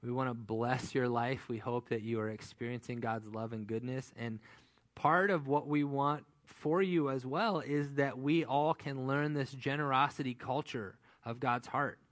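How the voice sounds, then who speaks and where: A man's voice: medium pitch, fairly even intonation, unhurried, fairly bright tone. Conversational male pastor preaching. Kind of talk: sermon.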